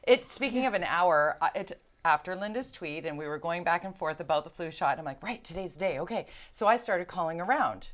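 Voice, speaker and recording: A woman co-hosts a broadcast in a slightly low voice. She chats casually, telling anecdotes and quoting what other people said. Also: animated, a little fast, few pauses. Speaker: broadcast co-host. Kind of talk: casual chat.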